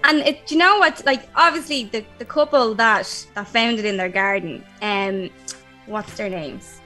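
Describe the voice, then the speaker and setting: A woman chatting casually as a guest, talking quickly and laughing often. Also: mid-range voice, sharp tone, faint music behind. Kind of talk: casual chat.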